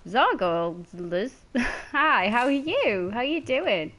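Lively, chatty woman streamer. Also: a little high, slow pace, slight background noise. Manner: chatty, greets chat by name, laughs easily. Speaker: game streamer. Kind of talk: casual chat while streaming a game.

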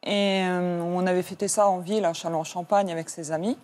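A woman's voice: on the low side, steady tone, a little fast, darkish tone. Middle-aged mother recounting events. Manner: recalling events step by step. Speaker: mother of a friend, guest. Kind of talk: TV interview testimony.

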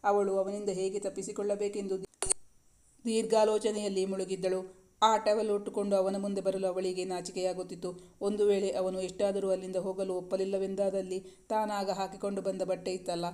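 ಕಥೆಗಾರ್ತಿ ಮಹಿಳೆ, ಮೃದು ಮಂದ ಧ್ವನಿ, ಸಪಾಟು ಓದು. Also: female voice, medium pitch, fairly quick. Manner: even, steady reading. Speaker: storyteller. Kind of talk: scripted story narration.

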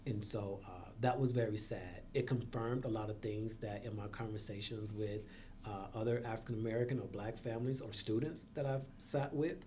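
A man's voice: on the low side, moderate pace, warm tone. A man speaking as a guest on a school district podcast, earnest, with sarcastic asides. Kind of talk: podcast conversation.

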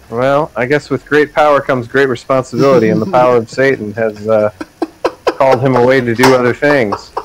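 A man doing excited casual commentary on a fighting game match, often breaking into loud hype chants. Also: mid-range voice, normal speed, long pauses, noisy background.

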